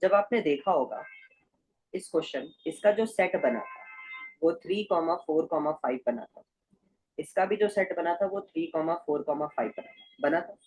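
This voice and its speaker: A man's voice: a little high, normal speed, darkish tone, low-quality recording. A man teaching a math class, explaining step by step and checking often that the students follow. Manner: repeats check-in questions to students. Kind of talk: explaining a lesson. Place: recorded at a screen with slides.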